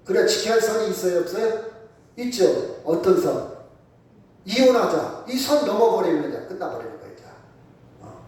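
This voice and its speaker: A male pastor preaching a sermon. He keeps asking the congregation questions and repeats key words for emphasis. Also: high-pitched. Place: church sanctuary. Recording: echoey church hall from far off.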